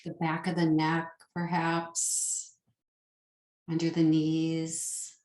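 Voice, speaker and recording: Speaking very slowly in a slightly low, somewhat mellow voice, this yoga nidra teacher leads a meditation with a completely flat delivery. Her soothing, unhurried short phrases are separated by pauses, and the space around her is roomy and echoing.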